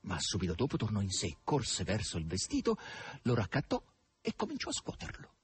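A man narrating a novel aloud as an audiobook reader, with expressive, varied phrasing. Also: lowish voice, fairly quick, husky.

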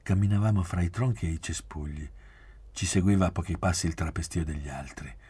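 A man reading a novel aloud in a measured, restrained way, often sinking to a near-whisper. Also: deep voice, dark tone, breathy edge, no room sound. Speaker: audiobook reader. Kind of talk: literary audiobook narration.

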